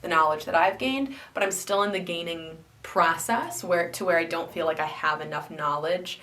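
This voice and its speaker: A woman's voice: fairly low pitch, moderate pace, a bit bright, recorded from a distance. A young woman vlogger, congested after flu, chatting casually about her hobby with many ums and likes. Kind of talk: casual chat to camera.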